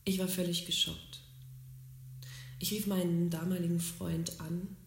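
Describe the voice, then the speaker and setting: A woman calmly and earnestly telling her own life story in a reflective way. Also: lowish voice, unhurried, creaky, a little hiss or hum. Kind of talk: personal storytelling. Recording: roomy, echoey recording.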